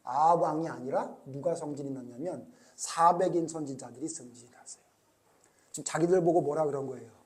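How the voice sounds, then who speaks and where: A male pastor preaching a sermon in church, retelling a story lively and asking his congregation questions. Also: a little high, fairly quick.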